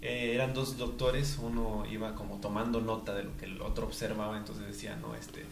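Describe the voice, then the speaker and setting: A young man, chatting as a guest in an interview, halting with many fillers and breaking into laughs. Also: on the low side, flat delivery, vocal fry, echoey room, background noise. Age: young adult. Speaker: guest, new father. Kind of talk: casual interview chat.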